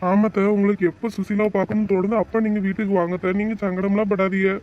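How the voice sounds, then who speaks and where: A man voicing a dutiful young son-in-law in an animated family drama, reassuring his mother-in-law. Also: high-pitched, racing, natural voice. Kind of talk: cartoon voice acting. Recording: dull, lo-fi recording.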